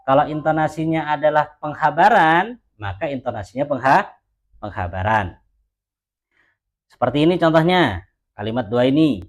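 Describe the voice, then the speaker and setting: A man's voice: on the high side, lively intonation. Patient male teacher. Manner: patient, repeats words and models phrases slowly. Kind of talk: language lesson explanation.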